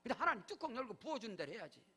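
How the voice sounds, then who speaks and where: A middle-aged male pastor preaching a sermon in a church, with emphatic swings between low asides and loud proclamations. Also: very animated, rapid-fire, breathy edge. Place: church sanctuary.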